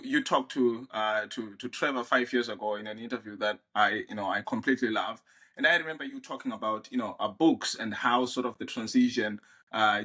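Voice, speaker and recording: A man's voice: medium pitch, fairly bright tone. A man hosting an interview podcast, talking in a casual, friendly way with lots of hesitation and restarts. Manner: hesitant, many fillers and restarts, friendly laughs. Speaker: podcast host.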